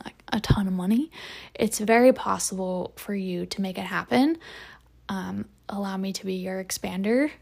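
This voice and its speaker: A young woman in her twenties talks through a casual solo podcast in a loose, chatty way, dropping "like" and "um" often. Her voice sits mid-range, with a noticeable vocal fry running through it. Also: medium pitch. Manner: chatty, with frequent "like" and "um" and soft laughs. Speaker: podcast host. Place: home room with a window to the street.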